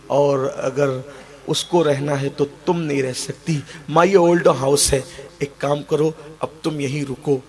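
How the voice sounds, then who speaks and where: A man voicing a grown son in a sermon story. The son speaks in a soft, subdued way. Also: a little high, voice pushed down, natural voice. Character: grown son, apologetic yet cold.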